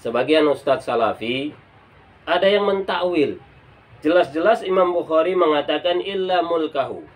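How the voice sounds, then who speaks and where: A man's voice: on the high side, normal speed. A man preaching to a congregation, emphatic and didactic as he explains a point. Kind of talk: lecture to a congregation.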